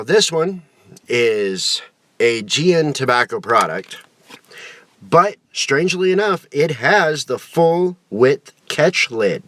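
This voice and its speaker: A man's voice: mid-range voice, fairly bright tone. A man giving a casual, folksy product review to camera, colloquial and chatty, talking as if with a lip full of dip.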